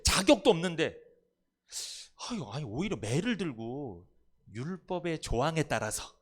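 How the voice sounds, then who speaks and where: A male pastor preaching a Sunday sermon in church, putting questions to the congregation and answering them himself. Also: on the high side. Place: church sanctuary.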